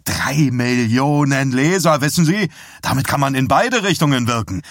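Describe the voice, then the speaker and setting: A man voicing a pushy middle-aged tabloid publisher who turns shrill and sputtering with fury, in an audiobook reading. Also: expressive, normal speed, fairly bright tone, no echo, studio quality. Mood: threatening. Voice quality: shrill when angry. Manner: shrieking, sputtering, threatening.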